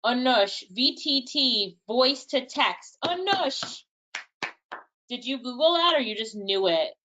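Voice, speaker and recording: Speaking slowly in a high, expressive voice with a sharp tone, a Jamaican-accented woman presents a live online workshop. She answers chat questions casually, chatting, thinking aloud and laughing lightly, though the audio is dull.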